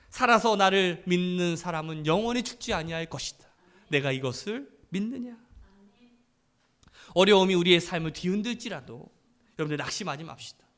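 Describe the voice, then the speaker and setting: A male pastor preaching in church with a notably high voice. He speaks earnestly and emphatically, building to fervent blessings on his congregation. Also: a bit bright. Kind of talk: sermon.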